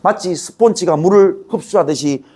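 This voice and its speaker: A man preaching a sermon in a Gyeongsang Korean accent, swinging between loud outbursts and quiet, low passages. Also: normal speed, breathy edge. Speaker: pastor. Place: church sanctuary.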